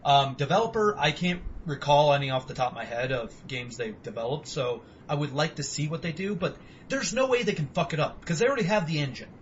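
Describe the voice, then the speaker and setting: A young man co-hosts a podcast, rambling through casual, profane talk about video games. His voice is on the high side with lively intonation and a slightly fast pace, captured in a dull lo-fi home recording with slight background noise.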